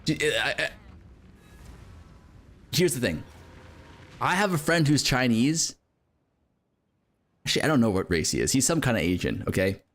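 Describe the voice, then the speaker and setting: A man's voice: mid-range voice, big pitch swings, normal speed, long pauses, a bit bright. A man streaming a game live, chatting casually, cursing and joking while he reads out chat messages.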